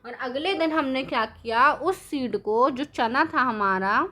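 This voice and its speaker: Woman teacher, high and bright, quizzing her class in a lesson. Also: animated, a little slow. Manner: asks the class questions and answers them herself; mixes English terms into Hindi. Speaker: science teacher. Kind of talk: classroom lesson explaining with drawings.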